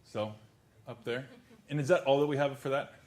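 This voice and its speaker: A man preaching a sermon. He swings from loud outbursts to hushed near-whispers and repeats words as he builds a point. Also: mid-range voice, fairly even intonation, normal speed. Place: church service.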